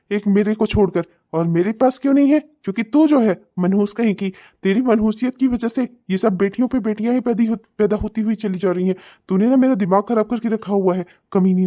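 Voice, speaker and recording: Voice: medium pitch, lightly acted. A voice actor doing a snarling, abusive cartoon husband. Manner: shouting insults, snarling and threatening. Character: abusive, short-tempered husband and father. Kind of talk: cartoon comedy voice acting.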